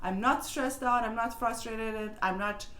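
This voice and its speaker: A woman's voice: on the high side, a little slow, fairly bright tone. Chatty woman vlogger, echoey room. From Serbia. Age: 30s. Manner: chatty and rambling, lists tips with restarts. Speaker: travel vlogger. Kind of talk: casual talking-head advice vlog. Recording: echoey room with faint ambient noise.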